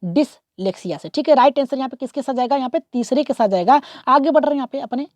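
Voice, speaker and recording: A woman's voice: sits high, expressive, fast, a little mellow, dry recording. A woman teaching an online exam-prep lesson, working through multiple-choice questions. She keeps asking rhetorical questions, repeats "okay" often and urges viewers to comment and subscribe.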